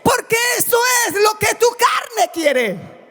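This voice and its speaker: A woman pastor preaching a sermon, calling out loud and then dropping suddenly to quiet asides. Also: very high-pitched, big pitch swings, slow pace, long reverb tail. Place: church.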